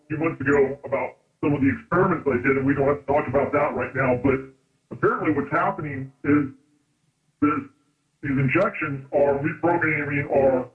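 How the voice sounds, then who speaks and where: A man's voice comes through a pitch-shifting voice changer that disguises who he is, sitting a bit high for a man. The line is thin and tinny, like a phone call, as he speaks from the road. He talks haltingly, pausing on fillers and restarting his sentences. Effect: pitch-shifting voice changer to hide identity. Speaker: doctor calling in as a guest. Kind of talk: remote interview. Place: in a vehicle on the road.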